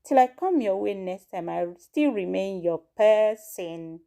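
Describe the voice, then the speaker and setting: A woman's voice: mid-range voice, expressive, unhurried, creaky, dark tone. Nigerian woman commenting in conversational Pidgin. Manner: exclamatory, conversational Pidgin with interjections. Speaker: host of a news commentary show.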